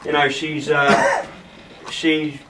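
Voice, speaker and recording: A man giving an informal, halting wedding toast speech, often repeating himself as he addresses the guests. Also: fairly high pitch, monotone, sharp tone. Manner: rambling, halting, repeats phrases. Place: wedding reception, speaking to gathered guests. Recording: distant mic in a noisy room.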